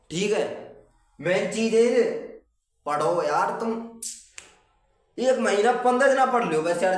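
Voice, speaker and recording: Chatty man in an echoey room. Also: high-pitched. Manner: chatty, addresses viewers as brother, rambling. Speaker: exam tips video host. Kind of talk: casual exam-prep talk. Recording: echoey room, far from the mic.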